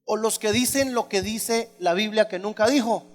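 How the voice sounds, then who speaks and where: A male pastor preaching a sermon, emphatic and conversational, often asking the congregation questions. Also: normal speed. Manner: emphatic, shifts from loud high exclamations to low asides. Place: church hall. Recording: hall reverb.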